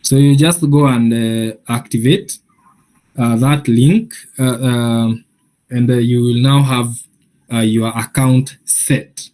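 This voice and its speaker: A man giving a software training session, explaining each step patiently with many pauses and filler sounds. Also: mid-range voice, steady tone. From Kenya.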